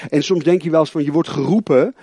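A man preaches in an animated, rambling way, often restarting sentences and drifting into asides. His voice sits a bit high for a man and is captured close and dry, with no room sound. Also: quick pace, slightly rough, dry recording. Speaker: pastor. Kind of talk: sermon.

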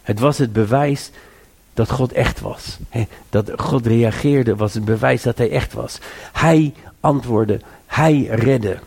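A man's voice: mid-range voice, slow pace, creaky, a little mellow, slightly rough. A man preaching a sermon, earnest and exhorting, repeating phrases and rising to urge listeners.

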